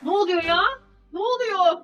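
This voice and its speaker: A woman's voice: very high voice, moderate pace, lo-fi sound, over music. A woman acting as a mother in a staged family skit at home, gasping and scolding as she talks to her child. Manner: exclamatory and scolding, with gasps.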